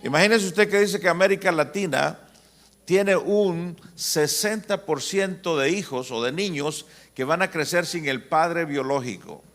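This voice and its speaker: A man's voice: fairly high pitch, a bit bright. A man in his sixties with a Honduran accent, a pastor giving a church conference talk in a joking, anecdotal way. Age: 60s. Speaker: pastor and family-conference speaker.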